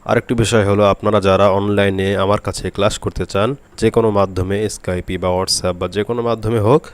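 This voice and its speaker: A man teaching a Quran reading lesson, speaking slowly and repeating each letter drill aloud. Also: on the low side, level tone, clear, resonant tone. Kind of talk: spoken lesson to camera.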